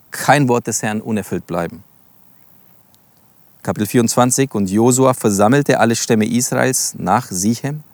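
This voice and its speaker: A man's voice: medium pitch, vocal fry, a little mellow, no echo. A man teaching from the Bible in a sermon, reading verses aloud and explaining them, stressing single words and addressing his listeners directly. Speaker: preacher.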